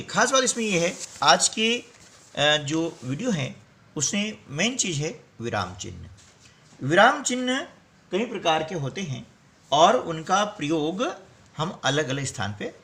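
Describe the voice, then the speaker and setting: A man's voice: high-pitched, pushed and bright. A man teaching a workbook lesson, explaining step by step and often checking in with his students.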